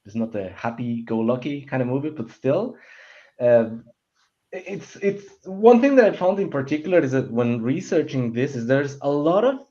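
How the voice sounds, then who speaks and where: This film-show panelist speaks at a normal speed in a mid-range, mellow voice that is very animated. Chatting casually about opinions, he rambles, stammers and keeps restarting sentences, all in dull, muffled lo-fi audio.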